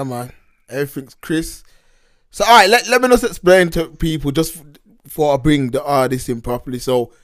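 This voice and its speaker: A man with a London accent hosting a casual, slangy interview in a halting, rephrasing way. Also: mid-range voice, clean tone, no echo, studio quality. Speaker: host.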